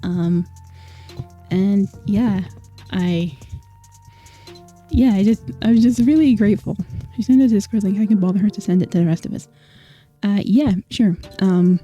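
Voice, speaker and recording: A woman's voice: mid-range voice, warm tone. A woman from Scotland, a streamer chatting casually with viewers, chatty and apologetic with many fillers. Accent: mostly American-sounding, Scottish origin. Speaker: vtuber streamer. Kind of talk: casual livestream chat.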